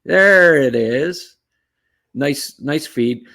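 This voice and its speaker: A man co-hosting a sports podcast offers casual, chatty hockey analysis, often ending remarks with "eh" and chuckling at his own asides. His voice is on the high side, creaky and bright, and he sounds expressive and forceful, drawing out his words.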